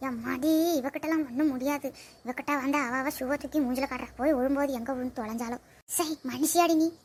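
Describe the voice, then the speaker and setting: A woman playing a sharp-tongued, nagging mother-in-law in a comedy sketch, scolding her son's wife. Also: sits high, a little fast, slight background noise, close to an everyday voice. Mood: disgusted.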